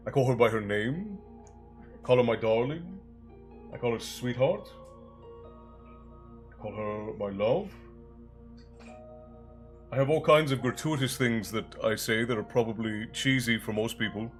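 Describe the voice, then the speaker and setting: Unhurried and pausing often, this man's medium-pitched voice leads a casual, joking livestream where he greets viewers by name. He remains a bit congested with a slight chesty cough. Quiet music plays in the background.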